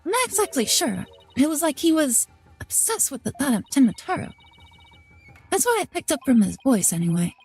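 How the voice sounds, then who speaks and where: A woman's voice: sits high, big pitch swings, normal speed, darkish tone, soft background music. A woman reading aloud as an earnest young female lawyer who explains what she hears. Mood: thoughtful. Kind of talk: reading game dialogue aloud.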